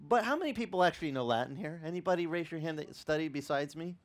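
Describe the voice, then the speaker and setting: A slightly high-pitched pastor in his fifties, raised Italian-American, gives a lively, off-the-cuff sermon at an open-air beach tent service. Speaking quickly into a headset mic, he preaches in an animated, conversational way, restarting sentences and tossing asides to the audience.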